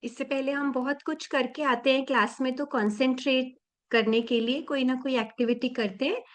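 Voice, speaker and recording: A woman's voice: high voice, fairly even intonation, moderate pace. A woman teaching an online children's class over a video call, counting aloud and encouraging the kids, mixing in English words. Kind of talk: online kids' activity class.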